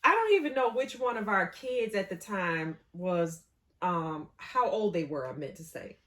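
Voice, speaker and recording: A woman telling a story about her marriage to viewers in a casual, animated way. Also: mid-range voice, a little slow. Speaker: co-host.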